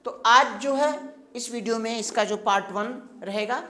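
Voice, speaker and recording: A woman teaching a grammar lesson, dictating notes slowly and repeating each phrase so students can write it down. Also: a little high, pushed and bright. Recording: echoey room.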